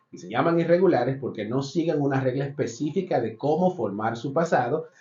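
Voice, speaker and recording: A man guiding a language class in a steady, methodical way, saying each word and then repeating it for practice. His mid-pitched voice carries a noticeable room echo, and the recording sounds a little dull and lo-fi. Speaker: English teacher. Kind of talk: explanatory online lesson.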